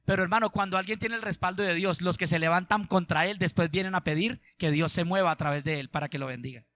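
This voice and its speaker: A male pastor preaches an emphatic call-and-response sermon. His voice sits high and cuts with a sharp, forceful edge. The sound is dry and close, with no room echo. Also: quick pace.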